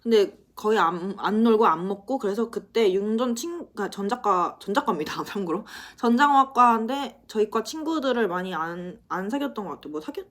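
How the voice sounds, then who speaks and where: A twenty-something university student vlogs to the camera in an animated, medium-pitched voice. Her talk is casual and self-teasing, and she's quick to laugh.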